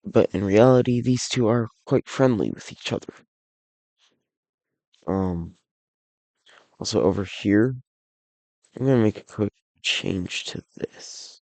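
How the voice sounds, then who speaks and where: Speaking slowly with long pauses, a hoarse man who seems a bit under the weather wanders through his casual narration of an alternate-history map. His low voice is raspy and gravelly, and he keeps stopping, restarting and correcting himself. The sound is close and dry, with no echo.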